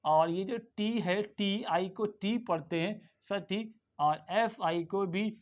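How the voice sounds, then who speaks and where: Hindi-speaking man with a Lucknow accent teaching pronunciation. He drills words slowly and asks questions he answers himself. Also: sits high. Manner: drills words by repeating them slowly with emphasis. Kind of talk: classroom-style pronunciation lesson.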